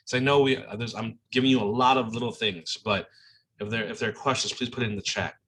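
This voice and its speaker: A man teaching an online class casually explains a clip he has played, his mid-range voice quick, a bit bright and slightly rough, with fairly even intonation. He talks in loose restarts and keeps checking in with "okay?" and "all right?".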